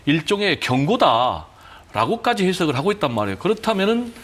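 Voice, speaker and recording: A man giving measured political commentary on a broadcast, hedging with frequent fillers. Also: high voice, big pitch swings, a bit bright.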